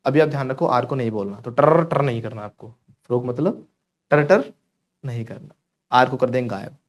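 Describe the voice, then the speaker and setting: A man's voice: mid-range voice, moderate pace. A man with an Indian accent teaching a live spoken English class, joking playfully and repeating words over and over as drills.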